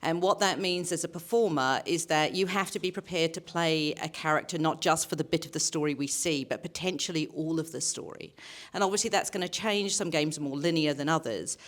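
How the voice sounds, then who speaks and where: Woman with a light New Zealand accent, deep voice, explains patiently at a conference panel, director type. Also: fairly quick, a bit bright. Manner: explanatory, repeats key points. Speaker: voice and performance director. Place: conference stage.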